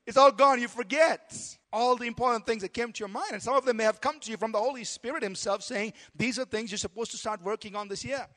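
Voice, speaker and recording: A man's voice: very high voice, quick pace, hardly any pauses, a bit bright. A middle-aged male pastor preaching a sermon in an emphatic style, often asking the congregation for an amen.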